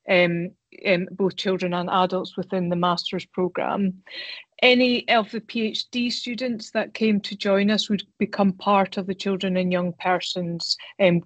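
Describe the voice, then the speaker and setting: Woman, webinar panelist, halting delivery, mid pitch, dry close audio. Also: dry recording. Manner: hesitant with frequent ums and restarts. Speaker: academic panelist hosting a webinar. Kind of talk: webinar Q&A talk.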